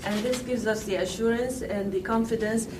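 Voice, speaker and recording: A woman's voice: a little high, fairly even intonation, normal speed. A woman giving an interpreter's voice-over, translating a statement live during a meeting. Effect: interpreter's voice-over translating a speech. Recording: echoey distant noisy room recording.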